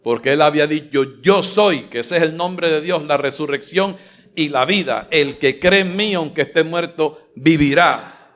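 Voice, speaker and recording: A male pastor preaching a live sermon from a church stage. His voice sits a little high, and he is emphatic and rousing. He keeps firing questions at his listeners and urging them to answer louder. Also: moderate pace. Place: church stage before a large congregation. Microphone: filmed from a stage mic.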